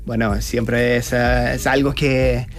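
A man's voice: mid-range voice, level tone, slow pace. A man from Australia, a guest in a casual interview, who talks hesitantly with many fillers and restarts.

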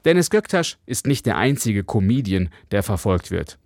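A male foreign correspondent reading a radio news report in a clear, measured way. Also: fairly low pitch, sing-song, a little mellow, dry recording, studio quality.

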